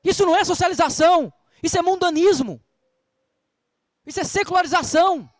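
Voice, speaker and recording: A man's voice: very high-pitched, fairly quick, no echo, studio quality. A man with a Brazilian Portuguese accent preaching a sermon as pastor, emphatic, with rhetorical questions and scripture quotes. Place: church.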